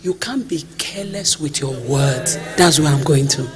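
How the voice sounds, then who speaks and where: A woman's voice: sits low, normal speed. A woman preaching a storytelling sermon, acting out the people in her stories and sometimes slipping into a sung cadence. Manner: lively storytelling, acts out the people she quotes, drifts into a sung cadence. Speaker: prophetess preaching. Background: music.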